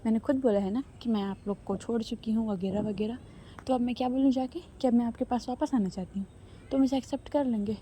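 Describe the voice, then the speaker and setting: A cornered young woman with a bitter, sarcastic edge, put on by a woman narrator. Her voice is a touch high and darkly mellow. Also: fast, slight background noise, close to an everyday voice.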